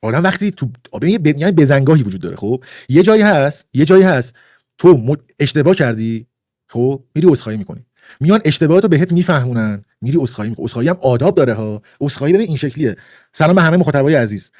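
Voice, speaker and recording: A man's voice: mid-range voice, expressive, warm tone, no room sound, studio quality. A man ranting indignantly on a livestream, lecturing and repeating his points for emphasis. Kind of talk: heated livestream rant.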